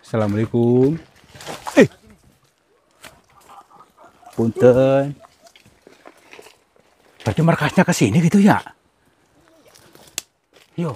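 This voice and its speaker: A man, from Central Java, hosting a ghost-hunting vlog outdoors in a forest, giving hushed commentary and coaxing with repeated soothing words. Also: mid-range voice, animated, extremely slow, long pauses, a little hiss or hum. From Central Java, Indonesia. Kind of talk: hushed on-location exploration commentary.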